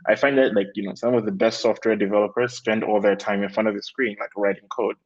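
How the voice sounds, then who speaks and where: A man's voice: lowish voice, fast, muffled recording. A young man from Malawi, a tech guest speaking casually in an interview with lots of fillers. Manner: relaxed, many fillers like "like" and "um".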